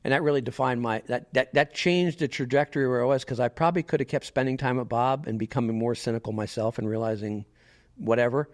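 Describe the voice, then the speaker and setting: A man's voice: medium pitch, fast talker. A middle-aged man, a podcast guest, telling stories in a casual interview and acting out the people he quotes. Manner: animated storyteller, quotes others in lively asides.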